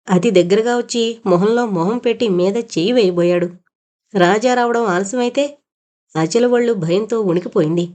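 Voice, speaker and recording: A woman narrating an audio novel in a measured storytelling manner. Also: medium pitch, darkish tone.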